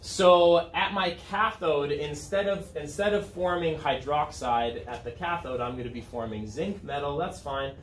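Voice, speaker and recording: Measured in pace and with few pauses, a man in his thirties with a slightly high voice teaches high school chemistry. His informal lesson involves frequent questions and check-ins with the students. It's captured by a camera set back in the room, sounding roomy and distant with room noise.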